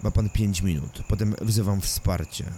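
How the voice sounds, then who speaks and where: A curt, stern policeman in a spoken audiobook drama, as a male narrator puts him on. The voice sits low and speaks with clipped official impatience. A steady hiss and chirping crickets run behind it. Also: unhurried, lightly acted.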